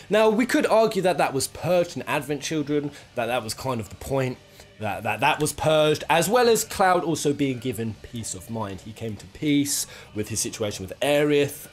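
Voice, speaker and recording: Rambling and thinking out loud, a British countdown host offers light, jokey commentary on his top-ten video games. He speaks at a moderate pace in a sing-song, mid-range voice.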